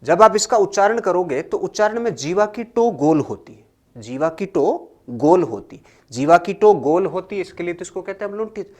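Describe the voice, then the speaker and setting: A man teaching a grammar lesson, slowly dictating notes and repeating each phrase for students to copy, then explaining more loudly. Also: high voice, lively intonation. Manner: swings between loud explaining and quiet dictating.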